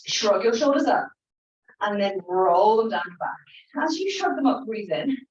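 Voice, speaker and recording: A woman's voice: medium pitch, lively intonation, a little slow, a little mellow. A woman leads a Pilates class, encouraging the group as she counts reps and cues each breath in and out. Her voice carries a roomy echo and sounds a little dull and muffled. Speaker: Pilates instructor. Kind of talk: guiding an exercise class.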